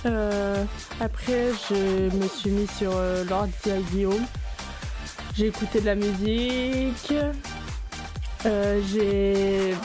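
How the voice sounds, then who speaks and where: A woman's voice: mid-range voice, steady tone, takes it slowly, music in the background. A young woman on a casual radio chat, rambling through her day with many hesitations.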